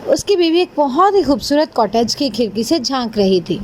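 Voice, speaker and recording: A woman narrating a fairy tale for children in a gentle, expressive storytelling manner. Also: high voice, slight background noise.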